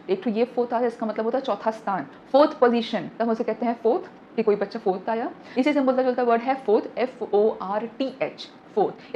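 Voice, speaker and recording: A woman teaching English vocabulary in an online class, explaining each word slowly and spelling it out letter by letter. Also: a little high. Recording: slightly dull lo-fi audio with faint background noise.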